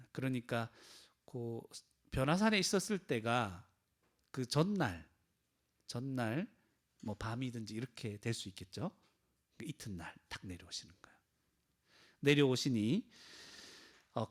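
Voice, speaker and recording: A man preaching a sermon in a conversational style, often asking the congregation questions. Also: mid-range voice. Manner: acts out quoted cries with a raised voice. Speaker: pastor.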